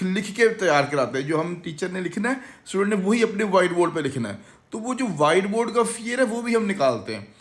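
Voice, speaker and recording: A man with a Pakistani Urdu accent pitches his English course in a confident, salesy way. He talks in a slightly raised voice and drops English words into his Urdu. It sounds like a promotional lesson given to camera. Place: language institute.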